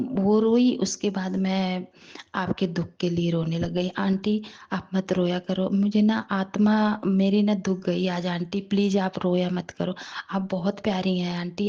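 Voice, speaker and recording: A woman speaks tenderly to her listeners in a devotional talk, her voice rough and worn and often dropping to a whisper. She keeps an even, mellow tone. The recording sounds dull and lo-fi. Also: medium pitch.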